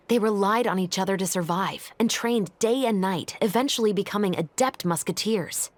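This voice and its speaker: An actress playing a calm, principled female police captain in a game, talking in a level, matter-of-fact way. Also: on the low side, natural voice. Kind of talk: game cutscene dialogue and story retelling.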